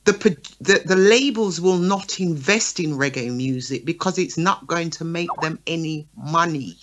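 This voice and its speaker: A talk show co-host and promoter speaks on the radio at a normal speed, her voice on the low side, with a little hiss or hum in the recording. Lively throughout, she makes her points and keeps asking listeners "right?" and "okay?".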